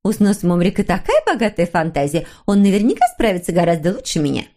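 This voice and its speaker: A woman voicing a gentle, modest mother troll in a storybook reading, soft and motherly. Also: on the low side, big pitch swings, fast.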